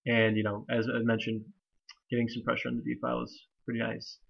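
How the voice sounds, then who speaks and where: Young guy with a nasal allergy voice going over chess moves, flat monotone, kinda muffled home mic. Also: mid-range voice, fairly quick, gravelly, slightly rough. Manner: rambling, many fillers, hesitant restarts. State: stuffy from allergies. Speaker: chess commentator. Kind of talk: casual chess game analysis. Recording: slightly dull lo-fi recording.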